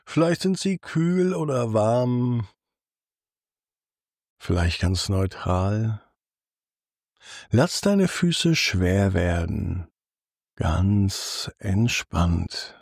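A man narrating a guided sleep meditation as host, in a soothing, hushed manner with long pauses. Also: lowish voice, very animated, vocal fry, dry recording, studio quality.

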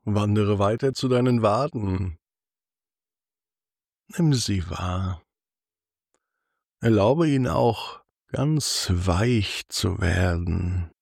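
A deep, gravelly male voice leads a bedtime relaxation. He speaks in a soothing, hushed manner, leaving long pauses between instructions. The sound is close and dry over faint music. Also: lively intonation, no room sound. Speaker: sleep podcast host and guide. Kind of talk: guided sleep meditation narration.

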